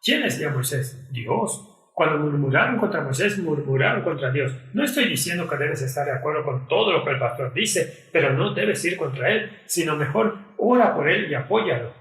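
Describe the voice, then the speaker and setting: A man's voice: on the high side, expressive, normal speed, fairly bright tone. A man preaching a sermon in an earnest tone, acting out quoted prayers and complaints. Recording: echoey hall, mic at a distance.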